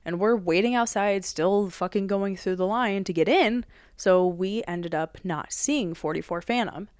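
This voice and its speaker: A woman's voice: medium pitch, a little slow, clean tone, no room sound, clean studio sound. A young woman hosting her own show, casually retelling a concert weekend, swearing constantly and acting out what people said. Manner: profane, animated retelling with quoted dialogue. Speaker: podcast host. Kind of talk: casual storytelling.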